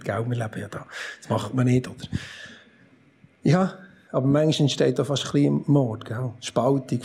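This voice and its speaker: A man preaching a sermon as pastor with a Swiss German accent, telling the story in a lively, animated way with sudden loud outbursts. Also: a little high, slightly rough.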